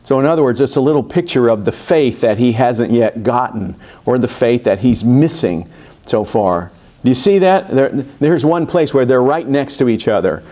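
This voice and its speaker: A man's voice: mid-range voice, normal speed, dark tone. A man, a pastor, teaching a Bible study in an informal, conversational way. He often restarts his sentences and asks the listeners questions.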